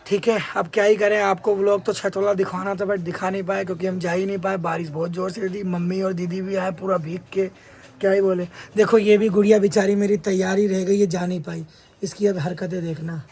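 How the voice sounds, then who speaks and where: A man's voice: sits high, little pitch movement, a little fast, poor audio. A young man, chatting casually to his vlog audience from his family home, repeating words in pairs as he talks. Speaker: vlogger. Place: family home on a rainy day. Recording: phone recording with loud background noise.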